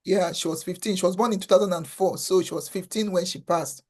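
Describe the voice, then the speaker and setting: Speaking fast in a fairly even, lowish voice that is a little mellow with a breathy edge, this woman from Africa appears as a guest in a conversational interview. She founded a foundation and talks earnestly, frequently repeating words as she gropes for the right one.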